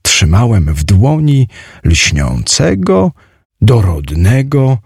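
A man narrates an audiobook in a low, husky voice with a playful storytelling manner. He moves through the text very slowly, and his melody swings wide. The recording is dry and close. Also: wildly swooping pitch, a little mellow, dry recording. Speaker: audiobook reader. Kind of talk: scripted narration.

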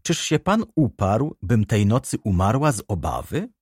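A man reading the part of an ironic, haughty baroness in an audiobook, raised in pitch and teasing. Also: very animated, normal speed, darkish tone, slightly rough, no room sound, clean studio sound. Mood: uneasy. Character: ironic aristocratic baroness, adult woman, haughty.

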